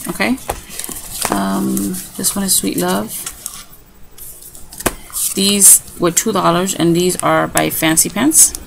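Woman vlogger, mid pitch, chatty and rambling, clicking noise in the background. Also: gravelly. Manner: chatty, rambling, animated storytelling. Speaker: craft vlogger. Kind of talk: casual haul vlog.

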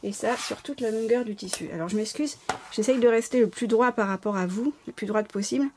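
A woman's voice: fairly high pitch, a little fast, a little mellow, slight background noise. A woman with a slight lisp giving informal, apologetic, step-by-step craft instructions as a tutorial host. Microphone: camera placed close over the work table.

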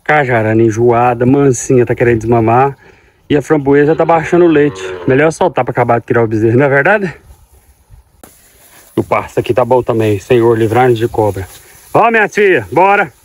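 A man's voice: medium pitch, fairly quick, darkish tone, no room sound. Tender farmer talking to his cows. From Goiás, Brazil. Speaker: farmer and vlogger. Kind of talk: casual farm vlog. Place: outdoors on a farm, by a corral.

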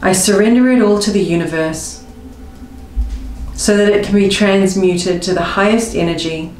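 A woman coaching viewers through a tapping session, speaking slow, emotive first-person affirmations. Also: mid-range voice, darkish tone, slight background noise. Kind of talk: guided tapping script spoken in first person. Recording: roomy with faint music behind.

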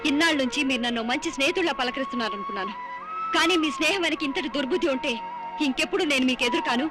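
A woman's voice: high-pitched, racing, over music, lightly acted. An actress playing a principled young woman who firmly and reproachfully turns down a suitor. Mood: stern. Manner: firm, reproachful. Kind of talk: Telugu film drama.

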